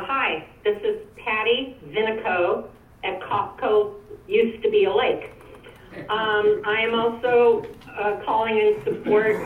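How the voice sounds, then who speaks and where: A woman's voice: mid-range voice, distant mic. Emotional woman pleading over a tinny phone. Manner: pleading, halting with fillers and restarts. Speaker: public comment caller. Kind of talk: public comment by phone. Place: phone call heard in a meeting room. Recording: tinny phone line played through an echoey room.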